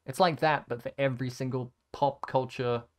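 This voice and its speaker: A man's voice: medium pitch, fairly even intonation, moderate pace. A young man telling a rambling, sarcastic story in a casual chat, swearing freely as he looks through his photos. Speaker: content creator.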